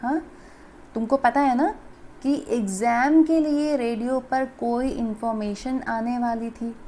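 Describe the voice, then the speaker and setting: A woman's voice: on the high side, steady tone, slow pace, dark tone, slight background noise. A woman teacher explaining a story to children and quizzing them with countdowns. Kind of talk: children's Hindi lesson, reading a story.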